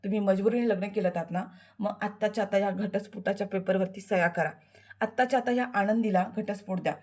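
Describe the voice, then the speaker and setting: A woman's voice: medium pitch, fairly even intonation, quick pace, darkish tone, close to an everyday voice. A bitter young man making a hard demand of his father, read by a woman recapping a serial. The delivery stays near the reader's own voice, firm and resentful.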